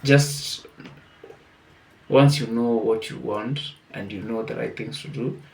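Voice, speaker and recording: Brief: male host with a gravelly, creaky voice, earnestly encouraging viewers, casual pace. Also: medium pitch, slow, darkish tone. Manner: earnest, motivational, many restarts. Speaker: channel host commenting. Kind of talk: casual reflective monologue.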